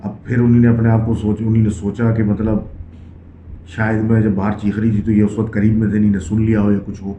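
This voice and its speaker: A man's voice: fairly low pitch, flat delivery, warm tone. Man telling ghost stories, tinny and echoey. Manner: conversational, mixes English phrases into Urdu. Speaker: story narrator. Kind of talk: casual horror storytelling. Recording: echoey, tinny phone-like sound with faint hiss.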